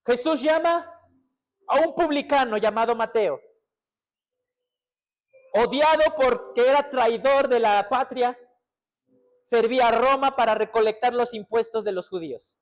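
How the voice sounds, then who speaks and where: A pastor delivers a sermon in a strikingly high voice. He fires rhetorical questions at the congregation and answers them himself. His delivery swings between loud, urgent emphasis and quiet, close passages. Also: measured pace, long pauses.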